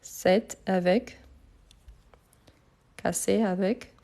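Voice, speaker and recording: A woman's voice: medium pitch, fairly even intonation, drawn-out words, dark tone. A woman teaching French in a live online grammar lesson, recorded on her phone, patiently repeating answers and praising students.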